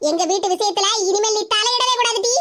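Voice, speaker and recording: A woman voicing a fiery, blunt middle-aged village mother-in-law with a Tirunelveli Tamil accent in an animated cartoon. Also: very high-pitched, quick pace, very noisy. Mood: scolding. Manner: scolding, blunt, threatening.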